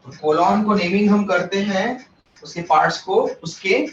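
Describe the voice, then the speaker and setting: This biology teacher has a high, fairly bright voice and speaks at a moderate pace, guiding his class step by step while questioning them and slipping English terms into Hindi. The distant mic in the echoey room leaves the audio muffled with a little hiss or hum.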